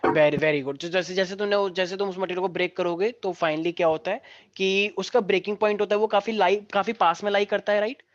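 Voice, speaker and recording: A male physics teacher, teaching a class online, who mixes jokey stories into the lesson and dictates notes slowly. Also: sits high, steady tone, dry recording. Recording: dry, dull lo-fi sound.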